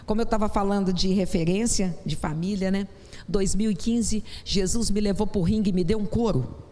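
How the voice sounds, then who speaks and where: A woman's voice: mid-range voice, normal speed, dark tone. A woman with a Brazilian Portuguese accent preaching a sermon in a church, telling her own testimony with impassioned, rising exclamations. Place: church sanctuary. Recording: long church hall reverb, faint noise.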